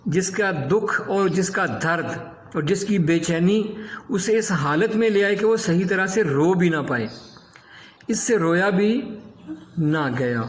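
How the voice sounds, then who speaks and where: Echoey high-voiced male Urdu teacher. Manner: corrects pronunciation, repeating words slowly. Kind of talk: lesson explaining pronunciation and word meanings.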